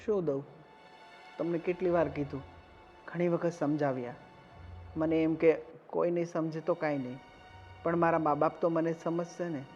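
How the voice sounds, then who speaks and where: A man's voice: on the high side, steady tone, normal speed, pauses often, a little mellow, faint music behind, natural voice. A young man acting as a husband who defends his marriage to an older woman, talking earnestly. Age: young adult. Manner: earnest, pleading, rising to defiant outbursts. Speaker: young husband in a family drama. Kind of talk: Gujarati short-film acting. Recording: dull lo-fi sound with faint noise.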